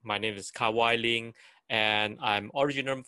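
A man in his forties, giving a photography seminar over a video call, talking with frequent restarts and halting phrasing. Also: medium pitch, fairly even intonation, pushed and bright, clean tone, dry recording. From Malaysia. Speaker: photography teacher. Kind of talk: online seminar talk.

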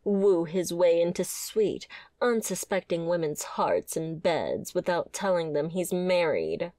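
Woman acting as a sardonic flirty mob boss lady, lowish voice, asmr roleplay, close dry mic. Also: animated, measured pace, warm tone, no echo. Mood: wry, explaining. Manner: sardonic, conversational, swearing. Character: wry, exasperated, flirtatious female mafia boss with principles.

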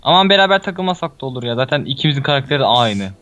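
A young man chatting while playing a game, blunt and dry, swearing and joking flatly. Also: medium pitch, very fast. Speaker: gamer. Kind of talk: casual gameplay chat.

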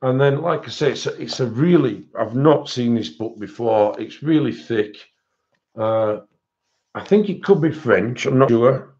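Slow, chatty man host. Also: medium pitch, animated, a little mellow, lo-fi sound. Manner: chatty and rambling, with frequent fillers and self-corrections. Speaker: coloring book channel host. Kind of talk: live-stream haul chat, reading viewer comments.

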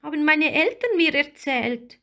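Woman doing a scared little mermaid girl, sobbing storybook voice, high and shaky. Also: expressive, a little slow, bright, forceful tone, heavily acted. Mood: frightened. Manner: high, trembling and tearful.

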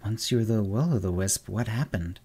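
A man's voice: fairly low pitch, normal speed, warm tone, husky. A man voicing a lost, unsettled camper who asks uncertain questions in a storybook reading.

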